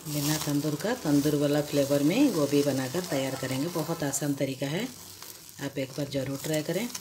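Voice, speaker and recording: Low-voiced woman explaining a home recipe. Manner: slow, patient explaining with many pauses and restarts. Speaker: cooking vlogger. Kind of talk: step-by-step cooking instruction. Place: home kitchen, indoors. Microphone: camera above the hands, speaker off-screen. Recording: home kitchen with audible stove noise. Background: sizzling and frying sounds.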